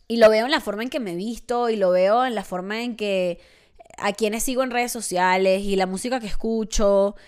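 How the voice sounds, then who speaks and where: A woman's voice: medium pitch, clean tone. A woman in her twenties talking casually on her own podcast, chatty and self-mocking, often acting out the voices of people she quotes. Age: 20s. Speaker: podcast host. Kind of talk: casual solo monologue.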